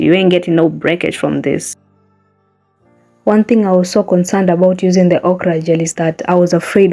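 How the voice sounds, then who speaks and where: Speaking from a small bedroom over faint background music, a young woman whose first language is Swahili gives a hair care how-to directly to camera. Her voice is mellow and a bit low, her tone casual and earnest, and she regularly checks in with viewers warmly to keep them following.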